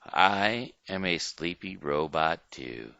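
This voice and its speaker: A drowsy little robot powering down for bed, as a man puts it on while reading a storybook, slow and half-whispered. The voice sits low with a gravelly edge and a bright bite. The recording is dull and lo-fi. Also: expressive, dry recording, exaggerated voice. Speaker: storybook reader for kids. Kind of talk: reading a children's picture book aloud.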